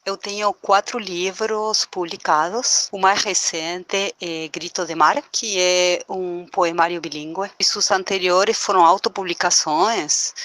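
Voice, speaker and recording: A woman author greets listeners warmly and runs through her books with a wry touch. The recording is dry, with no room sound. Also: lowish voice, dry recording. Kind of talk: self-introduction.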